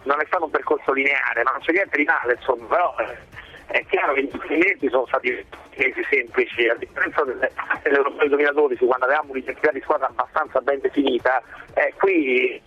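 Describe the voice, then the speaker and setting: Fast-talking pundit over a phone line. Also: male voice, mid-range voice, slightly rough, faint music behind. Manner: fluent, reasoned analysis, piling up clauses. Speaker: football pundit joining the show remotely. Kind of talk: sports radio analysis. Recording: narrow phone-line sound.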